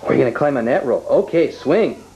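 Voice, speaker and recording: A woman's voice: a bass voice, animated, quick pace, warm tone. A woman filming a small child in a basement, praising and coaxing him in a sing-song way. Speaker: family member filming a child. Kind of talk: home video, talking to a child. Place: house basement. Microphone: camcorder microphone. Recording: muffled 1990s camcorder tape with hiss.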